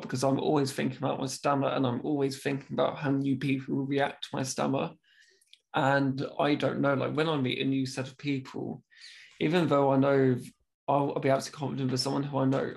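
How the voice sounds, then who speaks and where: A young man with a creaky mid-range voice hosts a casual conversation and talks openly about his stammer. He speaks with that stammer, pausing and restarting words.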